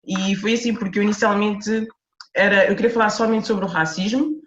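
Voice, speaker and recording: A woman's voice: medium pitch, fairly even intonation, a little fast, slight background noise. A woman from Portugal with a Lisbon accent, an author speaking as a guest in a podcast interview, earnest and reflective, often restarting her sentences. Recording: roomy, dull lo-fi sound.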